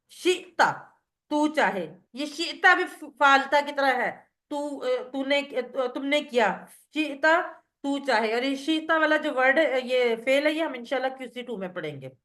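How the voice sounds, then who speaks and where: A woman's voice: high-pitched, a bit bright. A woman teaching a revision lesson in a patient manner, breaking each word into parts and translating it. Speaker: Quran teacher.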